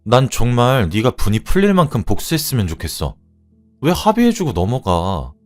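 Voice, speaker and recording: A man's voice: medium pitch, huge pitch swings, moderate pace, soft background music, pitched above the performer's own voice. A man voicing a loyal, outspoken young woman friend in a storybook drama. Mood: earnest. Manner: indignant and earnest.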